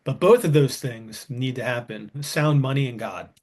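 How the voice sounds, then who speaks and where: A man's voice: mid-range voice, moderate pace, darkish tone. A man in his thirties, co-hosting a podcast in casual chat, rambling and enthusiastic with frequent restarts. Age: 30s. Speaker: podcast co-host.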